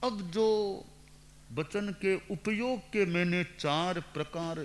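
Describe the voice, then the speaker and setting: Slow, measured older monk preaching. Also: male voice, sits high. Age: 60s. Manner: measured and didactic, repeats phrases for emphasis. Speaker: monk giving a discourse. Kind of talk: sermon. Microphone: speaking into a microphone.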